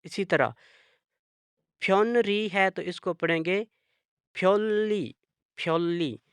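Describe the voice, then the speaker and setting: A man teaching a language lesson, slowly explaining rules and repeating each example word. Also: high voice, fairly bright tone, clear, resonant tone, no echo, clean studio sound. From Pakistan. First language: Urdu. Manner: spells out and repeats example words.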